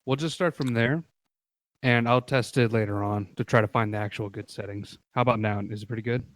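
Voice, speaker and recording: Excitable man, casual podcast chat, desk mic, medium pitch, dry sound. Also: brisk, no room sound. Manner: excitable, loud, swearing, laughing. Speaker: podcast co-host. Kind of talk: casual chat over a call. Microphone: desk mic, moving closer and away.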